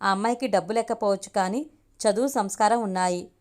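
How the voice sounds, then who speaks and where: An earnest, gentle young man, as a woman reading the story puts him on. He reasons in a soothing, pleading way in an audiobook. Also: medium pitch, fairly quick, lightly acted.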